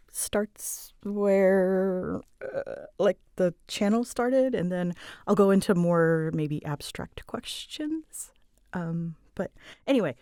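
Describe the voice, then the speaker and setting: In a dry, studio-quality recording, a woman with a fairly low, darkish voice chats casually and off the cuff as she answers fan questions. She's an audio roleplay creator who rambles, pokes fun at herself, and often trails off mid-sentence.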